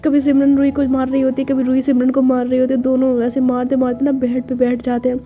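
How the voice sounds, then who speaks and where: A woman's voice: high voice, monotone, quick pace. A woman narrating a romance story in a chatty, casual way with filler asides, in a dull lo-fi recording.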